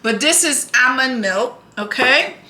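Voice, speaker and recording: A Barbadian cooking channel host demonstrates a recipe in her home kitchen, chatty and affectionate, often checking in with the viewer. Her high-pitched voice is animated, a little slow, pushed and bright, and the kitchen sounds echoey with dishes clattering.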